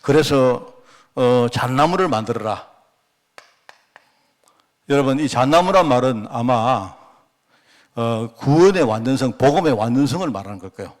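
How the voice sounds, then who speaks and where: A man's voice: medium pitch, animated, moderate pace, long pauses. A middle-aged man preaching a sermon as pastor, telling a story in a rambling way full of rhetorical questions. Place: church.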